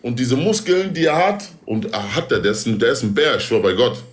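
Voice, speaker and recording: A man's voice: medium pitch, very animated, a little fast. A man chatting casually on a group livestream, giving emphatic fight advice in street slang sprinkled with Arabic oaths.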